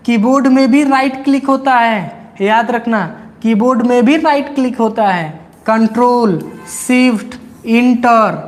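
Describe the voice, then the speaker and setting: A man's voice: very high-pitched, a little slow, soft background music. A man teaching computer basics. He repeats key points and teasingly scolds his students. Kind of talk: classroom-style lesson.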